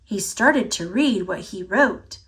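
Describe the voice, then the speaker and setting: Reading a picture book to children, this woman speaks with a medium pitch. Her delivery is unhurried, crisply articulated, and full of expression.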